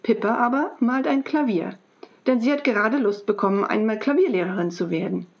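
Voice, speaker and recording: A woman reading a children's book aloud in a calm, steady storytelling voice. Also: a little high, brisk, vocal fry. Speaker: school librarian reading aloud. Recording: dull lo-fi recording.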